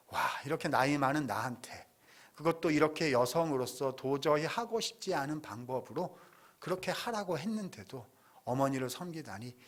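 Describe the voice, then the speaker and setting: A male pastor preaching a sermon in a church, retelling a story with lively asides and frequent questions to the congregation. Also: fairly high pitch. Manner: animated storytelling, asks congregation along.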